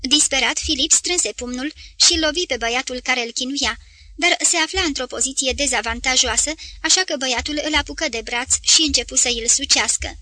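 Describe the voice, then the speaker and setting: A woman narrating a novel as an audiobook reader, in an even, measured reading. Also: sits high, no echo. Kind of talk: scripted literary narration.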